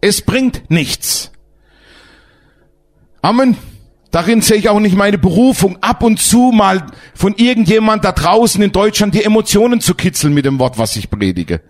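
A man preaching a sermon as pastor, emphatic and lively, asking his congregation questions. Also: high-pitched, moderate pace.

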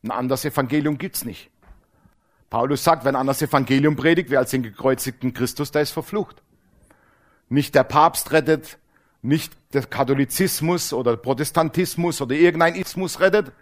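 A man preaching a sermon with dramatic storytelling, swinging between loud emphasis and low hushed asides, slowing down to stress key words. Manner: slows down to stress key words, then rushes.

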